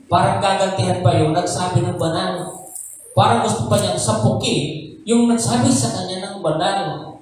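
High-voiced pastor in a booming church. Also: male voice, a little hiss or hum. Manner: peppers the congregation with rhetorical questions. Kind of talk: sermon. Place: church service. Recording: very echoey church from a distance.

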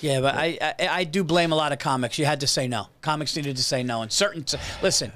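A man's voice: on the high side, fast talker, fairly bright tone. A middle-aged man co-hosting a studio podcast, chatting casually and rambling with lots of restarts. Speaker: podcast co-host. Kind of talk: casual chat. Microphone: studio boom mic.

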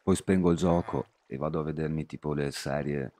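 A man's voice: very deep voice, steady tone, a little fast, warm tone. A young man chatting casually to his viewers while streaming a game, rambling through personal anecdotes. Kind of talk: casual live-stream chat while gaming.

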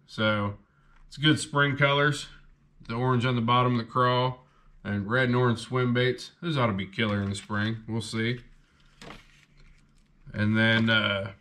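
This fishing-channel host is a young man with a mid-range voice that comes across bright and forceful. He rambles easily through a casual haul video, dropping fillers as he displays his gear.

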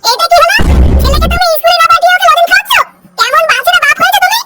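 A woman's voice: very high voice, very fast, far from the mic, heavy background noise, voice pushed up. A woman voicing a hot-tempered young mother in a cartoon, shrieking threats and scolding. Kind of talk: adult cartoon voice acting.

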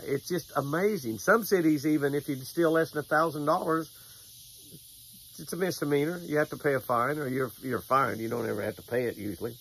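By a lake, an older man from the United States, a devotional host and angler, delivers a folksy devotional plus a fishing tip, leaning on repeated phrases for emphasis. His medium-pitched voice is gravelly yet fairly bright. The close-range camera audio is poor, with slight background noise.

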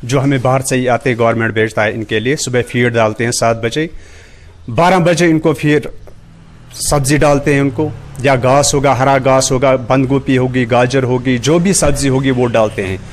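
A man's voice: medium pitch, steady tone, normal speed. A middle-aged man with a Kashmiri accent, a rabbit farm worker answering interview questions plainly and practically, recorded on a handheld mic in a large shed. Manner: plain, practical explaining with many polite "ji sir" replies. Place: large open-sided rabbit shed, indoors. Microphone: handheld reporter mic held near mouth.

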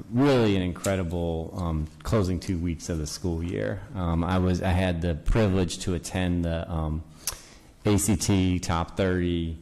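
A man's voice: sits low, dark tone. A man chairing a school board meeting, speaking earnestly and with appreciation, with some fillers, into a desk microphone in a boardroom. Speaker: board president.

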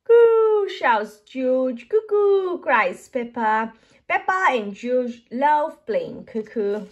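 A woman reading a children's storybook aloud slowly and clearly, with an expressive, sing-song delivery. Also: fairly high pitch, dull audio. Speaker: storybook reader.

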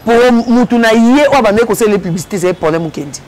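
A man's voice: high-pitched, quick pace. A man animatedly telling a story as a guest in a casual interview. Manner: lively, switches between Lingala and French.

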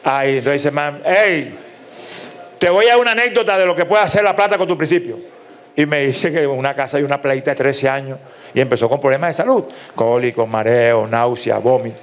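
A middle-aged man with a Colombian Caribbean coast accent, doing a crude, profane stand-up routine with loud bursts. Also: medium pitch, a little fast. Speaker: stand-up comedian. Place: nightclub stage.

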